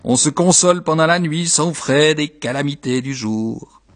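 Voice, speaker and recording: A man's voice: on the high side, moderate pace, close to an everyday voice. A man voicing a wry, worldly manservant who comments knowingly on the poor. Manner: wry, knowing, matter-of-fact.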